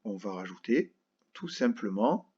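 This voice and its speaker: A male primary school teacher giving a recorded grammar lesson to children, speaking slowly and patiently and spelling words out letter by letter. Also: on the low side, lively intonation, darkish tone, husky, dull audio.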